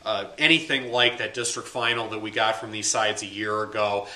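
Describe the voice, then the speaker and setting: A man in his thirties talks through a match analysis straight to camera, in a loose and conversational way. His voice has a very bright, sharp edge. It bounces around a small, echoey room. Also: on the low side, fairly even intonation, normal speed. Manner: conversational, uses fillers, gestures with hands. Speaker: high school sports beat writer. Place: small plain room indoors.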